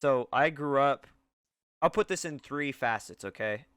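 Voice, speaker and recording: A man's voice: mid-range voice, measured pace, fairly bright tone, clean tone, dry recording, clean studio sound. A young man co-hosting a casual film podcast, rambling with lots of fillers and restarts. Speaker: podcast co-host.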